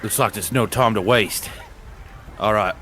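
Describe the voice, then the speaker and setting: Man, tabletop player, brisk, decisive, lowish voice, bright tone. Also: faint music behind. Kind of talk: tabletop game play.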